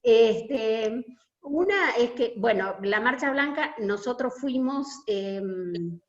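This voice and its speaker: An Argentine woman speaks earnestly over a video call, recalling her union days. She hesitates often and fills her pauses. Her voice sits a little high, and the call audio is dull and lo-fi. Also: animated. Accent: Argentine Spanish. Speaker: union delegate recalling a protest march. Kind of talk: reminiscing testimony in an online meeting.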